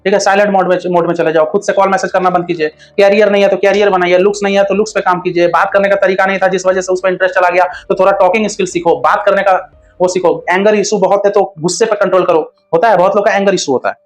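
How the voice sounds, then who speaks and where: A man's voice: sits high, flat delivery, quick pace. A man hosting a relationship advice talk, speaking bluntly and crudely, scolding viewers like a brother.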